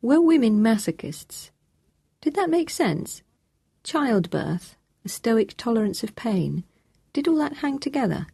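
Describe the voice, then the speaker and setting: A woman narrating an audiobook in a measured, steady reading. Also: a little high, creaky, slightly rough, dry recording.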